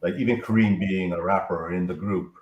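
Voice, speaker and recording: A man's voice: sits low, steady tone, brisk, reverberant, dull audio. A man in casual chat, reminiscing and telling a story about an old friend. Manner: reminiscing, tells a story with warm praise. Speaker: guest.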